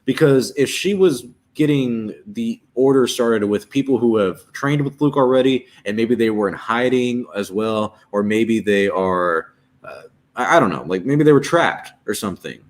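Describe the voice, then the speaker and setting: An animated streamer host in his twenties speaks at a moderate pace in a mid-range voice. Reading chat on his casual livestream, he talks aloud, wanders off track, and restarts his thoughts.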